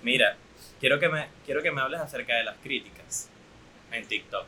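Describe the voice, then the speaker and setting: A man's voice: medium pitch, moderate pace, pushed and bright, a little hiss or hum, poor audio. A young man with a Venezuelan accent hosting a casual podcast interview, chatty and teasing. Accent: Venezuelan Spanish. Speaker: podcast host.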